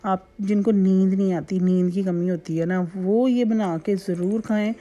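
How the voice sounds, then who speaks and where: A woman's voice: mid-range voice, steady tone, normal speed, dark tone, highs cut off. Chatty woman cooking at home. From Pakistan. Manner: chatty, repetitive, homely asides. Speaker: cooking channel host. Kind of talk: casual home cooking tutorial. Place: home kitchen.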